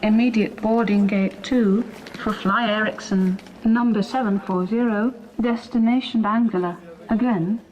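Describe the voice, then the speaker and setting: Woman announcing over a loudspeaker. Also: mid-range voice, steady tone, lo-fi sound, slight background noise. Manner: formal, measured announcing. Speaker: announcer at a staged protest ceremony. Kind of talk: mock airport boarding announcement.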